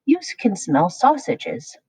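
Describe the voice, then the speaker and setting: A woman's voice: medium pitch, sing-song, slow, warm tone, husky, no echo, voice pushed up, full character voice. A woman voicing a kind female cook in a giant's castle, giving urgent warnings.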